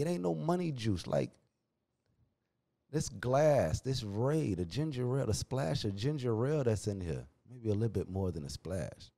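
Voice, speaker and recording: A man hosting a podcast, talking casually and heatedly in slang, his pitch jumping when he gets worked up. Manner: animated, slangy, calls listener "dog"; restless pitch, rises sharply when worked up. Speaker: podcast host. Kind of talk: casual opinion talk.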